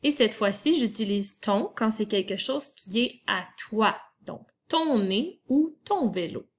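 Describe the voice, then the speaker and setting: A woman's voice: fairly high pitch, animated, a little slow. A woman teaching children a spelling lesson, patiently spelling words letter by letter.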